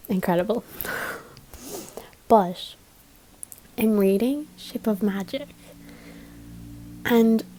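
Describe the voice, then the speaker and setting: Recorded dry and rough, a young adult woman with a medium-pitched voice chats about her week of reading for her book vlog. She's rambling and chatty, full of "like" fillers and soft laughter.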